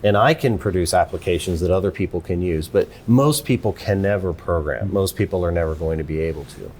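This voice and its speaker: Deep-voiced man explaining thoughtfully. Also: fairly quick, darkish tone, slight background noise. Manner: thoughtful, explanatory, with frequent restarts. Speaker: interview guest. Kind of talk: conversational interview.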